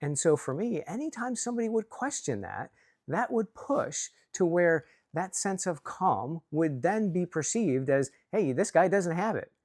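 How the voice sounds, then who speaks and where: A man's voice: fairly high pitch, animated, measured pace, a little mellow, no room sound, studio quality. A man from Chicago giving an earnest, self-reflective talk to camera about workplace leadership, often restarting his words. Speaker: leadership coach.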